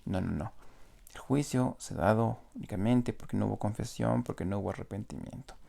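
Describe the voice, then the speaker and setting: Gravelly man preaching a sermon. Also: lowish voice, brisk, warm tone. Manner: explanatory, asks rhetorical "¿no?" often. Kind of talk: sermon teaching on scripture.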